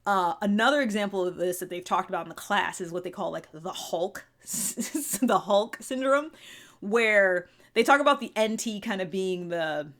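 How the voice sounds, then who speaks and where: A woman hosts a podcast, giving a casual explanatory monologue on personality theory that's chatty and full of fillers and restarts. Her mid-range voice is expressive and fairly bright, moving at a moderate pace.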